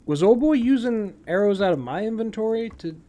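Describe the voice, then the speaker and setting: A man's voice: high voice, lively intonation, fairly quick, warm tone. A man casually narrating his own gameplay as a streamer, talking to himself with wry, sarcastic asides.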